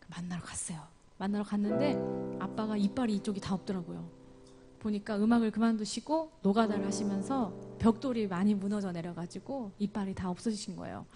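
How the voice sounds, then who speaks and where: A woman telling her life story as a church testimony, moving from loud exclamations to near whispers. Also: medium pitch. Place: church service. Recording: music playing clearly behind her voice. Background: instrumental music.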